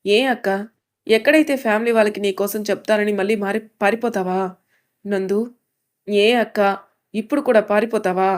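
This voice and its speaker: A woman reading a blunt, sharp-tongued young woman. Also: mid-range voice, steady tone, normal speed, long pauses, close to an everyday voice. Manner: blunt, lecturing.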